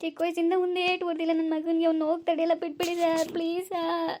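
A woman's voice: very high-pitched, monotone, fast talker, darkish tone, slight background noise. A woman voicing a desperate mother who begs for her son in a cartoon. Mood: pleading. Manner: pleading, wailing.

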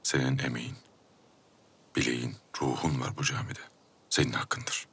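Ottoman sultan for period drama: extremely low voice, measured, commanding yet gracious. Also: steady tone, a bit bright, slightly rough, exaggerated voice. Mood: gracious praise. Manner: measured, regal, terse.

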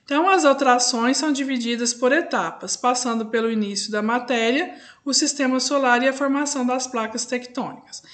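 A woman's voice: high voice, brisk, fairly bright tone. A woman teaching a recorded lesson with a Brazilian Portuguese accent, patiently explaining step by step and drawing out words as she says them.

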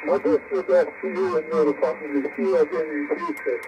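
A very old man in his eighties speaks with a Serbian accent in short, halting phrases as a ham radio operator. His gravelly voice sits fairly high and comes through a muffled shortwave signal with heavy static. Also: lively intonation. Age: 80s. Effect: shortwave radio transmission. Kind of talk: ham radio contact exchange.

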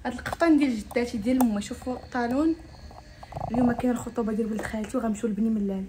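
A woman's voice: on the high side, rapid-fire, noisy background. A young woman with a Moroccan Arabic accent, chatting to viewers in a casual, upbeat phone vlog. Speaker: vlogger.

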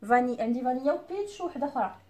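A young Moroccan woman chats through an unboxing, fairly high-voiced and a bit nasal from an allergy. She drifts easily between Arabic and French words. A faint hiss sits under her voice. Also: animated, racing. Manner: chatty, mixes in French words. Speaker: beauty vlogger. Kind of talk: casual unboxing chat.

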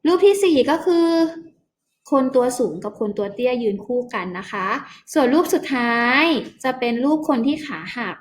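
A woman teaching a phonics lesson to young children, speaking gently and coaxingly and drawing out her words. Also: high-pitched, animated, normal speed, a little hiss or hum.

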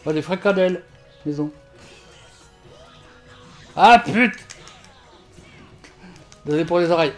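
A man streaming a fighting game from home on a desk mic, swearing and shouting at the game while chatting with viewers. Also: on the high side, fairly even intonation, racing, soft background music. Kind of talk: live gameplay commentary. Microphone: desk microphone.

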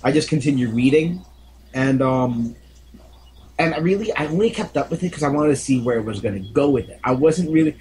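Man, slightly high voice, hesitant, halting, casual podcast chat. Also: lively intonation, a little mellow, a little hiss or hum, poor audio. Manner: hesitant, halting, searches for words. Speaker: podcast co-host.

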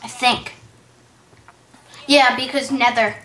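A woman's voice: a little high, steady tone, slow pace, sharp tone. A woman hosting a casual game commentary. She chats and exclaims as she plays and reads quest text aloud. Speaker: gaming channel host. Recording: echoey room with faint hiss.

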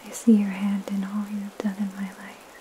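In a small room at home, a young woman hosting ASMR reads scripture and prays in a soft, breathy whisper, gentle and calming, pausing between phrases. Her voice is medium-pitched, with slight background noise and steady rain behind it.

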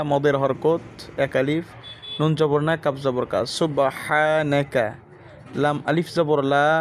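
Man slowly spelling out Quran letters. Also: fairly high pitch. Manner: slow, methodical letter-by-letter drilling. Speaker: Quran reading teacher. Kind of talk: spelling out Arabic letters and vowel marks for learners.

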